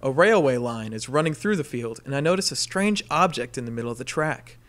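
A man co-hosting a casual comedy podcast, reading out a listener's dream as an animated storyteller who laughs often. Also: mid-range voice, fairly quick.

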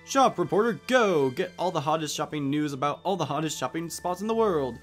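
A young man's brisk, animated voice, on the high side, carries his wry let's play commentary. He's chatty, reads the game's text aloud in exaggerated voices, and faint music from the game plays behind him.

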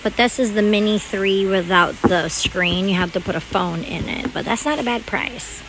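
Her medium-pitched voice carries at a moderate pace over background noise as she shops in a large store. She's vlogging, talking to viewers in a loose, rambling style.

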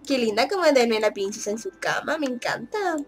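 A young woman talks her way through a life-simulation game in a chatty, teasing tone, with lots of quick laughs. Her voice sits a little high. Faint game music plays under her. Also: sing-song. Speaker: gaming YouTuber. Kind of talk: casual Let's Play commentary.

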